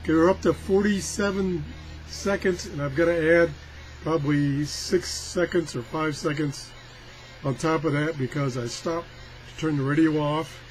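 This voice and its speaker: Steady in tone and speaking at normal speed, a slightly high-voiced product tester rambles through a hands-on demo for a radio review, folksy, self-deprecating and extremely casual. The audio is poor, with some noise behind him.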